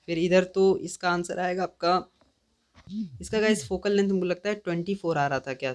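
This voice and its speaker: Teen guy going over his exam answers, lots of um and restarts, thinking out loud. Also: sits high. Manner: thinking aloud, hesitant, many fillers and self-corrections. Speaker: student reviewing an exam paper. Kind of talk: casual walkthrough of exam answers.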